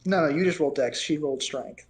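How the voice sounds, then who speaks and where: Male game master, slightly high voice, loose narration with fillers. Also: fast.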